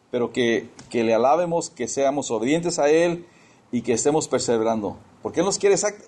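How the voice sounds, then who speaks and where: A man's voice: fairly high pitch, a little mellow, slightly rough. A man preaching a casual sermon, mixing personal testimony with scripture and often repeating or restarting his words.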